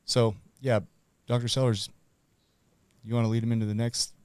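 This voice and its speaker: A man hosting an interview podcast, steering the guest with quick, supportive prompts. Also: medium pitch, flat delivery, a little mellow, smooth, no echo. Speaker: podcast host.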